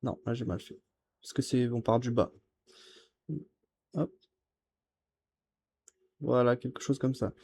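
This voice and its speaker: Slow-talking man writing on camera. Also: mid-range voice, steady tone, darkish tone, a little hiss or hum. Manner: hesitant, self-correcting, repeats words slowly. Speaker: beginner showing Chinese characters. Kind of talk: casual tutorial while writing. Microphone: camera filming his writing.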